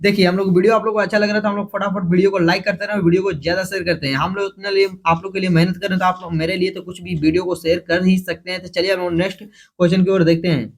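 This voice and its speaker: A man with a Jharkhand Hindi accent teaching exam prep, rushing through multiple-choice questions, repeating each one and correcting himself as he goes. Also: high voice, flat delivery. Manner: repeats each question, then announces the option letter; hurried, with frequent restarts and self-corrections. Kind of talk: quick-fire multiple-choice quiz review.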